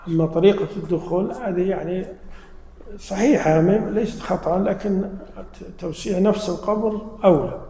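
Warm-voiced man teaching in an echoey hall. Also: sits high, moderate pace, slight background noise. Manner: asks the audience questions and then answers them. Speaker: religious teacher. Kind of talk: explanatory religious lesson. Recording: roomy hall with long reverb.

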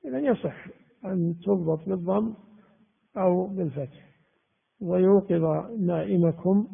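A man teaching a religious lesson, explaining texts and grammar slowly and repeating key words. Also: on the high side, vocal fry, husky. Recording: tinny phone-like sound in a reverberant hall.

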